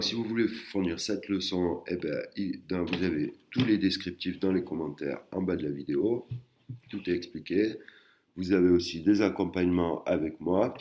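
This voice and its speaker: A man teaching a language lesson in a casual, hesitant way, with many fillers, slowly sounding out syllables. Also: low-pitched, a little mellow.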